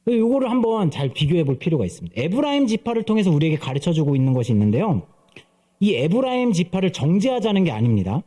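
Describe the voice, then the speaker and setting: A man's voice: a little high, mellow. A man in his thirties preaching a sermon at church, telling stories and playfully mimicking voices. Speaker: pastor. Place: church sanctuary.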